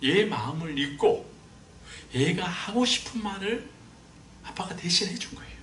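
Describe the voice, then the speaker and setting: A man delivers a sermon in an animated, storytelling manner, his fairly high voice rising sharply when he quotes others. He sounds set back from the microphone in an echoey church room, with a faint hum of ambience behind him. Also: moderate pace, distant mic. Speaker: pastor. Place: church sanctuary.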